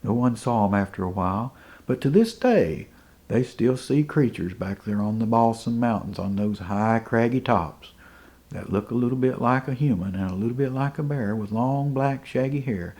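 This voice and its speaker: A man telling a folk tale in an unhurried, dramatic way, dropping to hushed asides. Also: mid-range voice. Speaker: folk storyteller.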